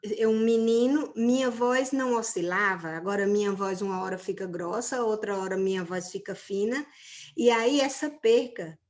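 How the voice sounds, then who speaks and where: A woman's voice: a little high, a little mellow. A woman teacher giving an online religion class to teenagers, talking in a conversational way and often checking in with her students.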